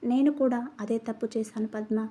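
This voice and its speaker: A patient husband in a narrated story, as a woman puts him on speaks gently and consoles his wife. The voice is mellow and breathy. It moves little in pitch. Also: fairly even intonation, brisk, lightly acted. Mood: gentle. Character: caring middle-aged husband, patient and gentle.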